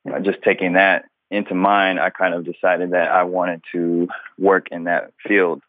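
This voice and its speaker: A man, a children's book author and illustrator, talking in a relaxed, conversational way during a phone interview over a tinny line. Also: low-pitched, moderate pace, no echo. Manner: relaxed, conversational, fills with "you know".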